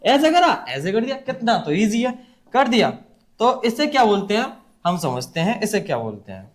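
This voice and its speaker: A man's voice: high-pitched, very animated, normal speed. A man teaching an online class, repeating each point and asking the class to say it back in a casual, brotherly way. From India. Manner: repetitive call-and-response teaching; colloquial, addresses class as brother.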